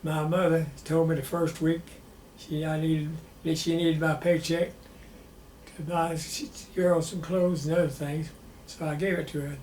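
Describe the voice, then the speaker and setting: Male, 90s, Southern US. Old veteran reminiscing, plain and halting, higher-pitched, in an echoey room. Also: flat delivery, a little mellow. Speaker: war veteran being interviewed. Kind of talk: personal reminiscence in an interview. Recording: roomy echo with faint background noise.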